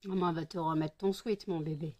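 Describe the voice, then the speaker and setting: A woman's voice: low voice, steady tone, fast, darkish tone. A French woman vlogging at home, tired and sleepy, chatting casually and talking baby-talk to her dogs.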